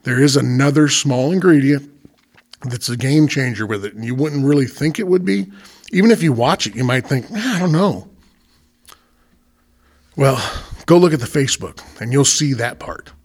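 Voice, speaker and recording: A man's voice: mid-range voice, slightly rough. Folksy middle-aged man explaining cooking. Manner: folksy, conversational, plain-spoken. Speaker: podcast host. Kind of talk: casual cooking talk, step-by-step explaining.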